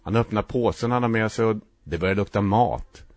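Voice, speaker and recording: A man narrating a first-person story in a reflective, halting way, with short clipped sentences. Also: on the low side, no echo.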